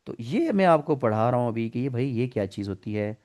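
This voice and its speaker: A man's voice: mid-range voice, sing-song, brisk, a little mellow. A middle-aged man with a Pakistani Urdu accent, lecturing an online English class, patiently explaining grammar and asking the students questions. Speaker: English teacher.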